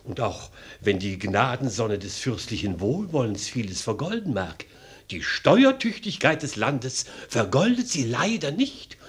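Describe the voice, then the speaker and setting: An exasperated finance minister in a satirical radio drama. His husky male voice rises and falls widely through ornate, plaintive courtly phrases. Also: medium pitch, heavily acted. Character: fretful, exasperated finance minister of a bankrupt duchy. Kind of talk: German satirical radio play acting.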